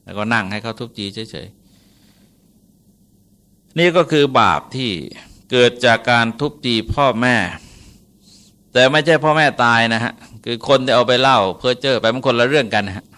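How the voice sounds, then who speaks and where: Male monk, storytelling sermon, bright forward tone, easygoing and hesitant. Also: mid-range voice, measured pace, pauses often, clear, resonant tone. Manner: relaxed, conversational, polite particles, frequent hesitations. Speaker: Buddhist monk.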